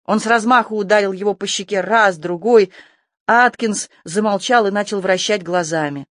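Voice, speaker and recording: An audiobook narrator reading a tense adventure story with steady, scripted delivery. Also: medium pitch, moderate pace, dry recording, clean studio sound.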